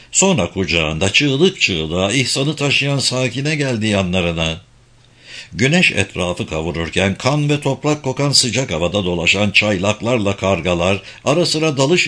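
A man reading a novel aloud as a dramatic, expressive audiobook narration. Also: on the low side.

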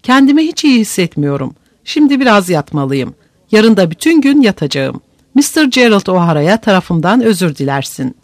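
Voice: medium pitch, very animated, moderate pace, no room sound, clean studio sound. A narrator voicing a timid, faint-hearted older aunt with a quavering, bleating voice in an audiobook reading. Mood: fretful. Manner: whining, fretful.

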